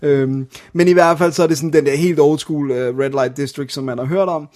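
A man's voice: on the high side, steady tone, a little mellow. Man hosting a film podcast. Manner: explains plots at length, hesitant. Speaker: podcast co-host. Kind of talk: casual film-review chat.

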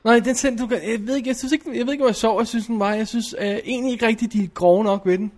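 A man's voice: very high-pitched, fairly even intonation, darkish tone. A man reviewing a film in casual chat, blunt and opinionated, often restarting his sentences.

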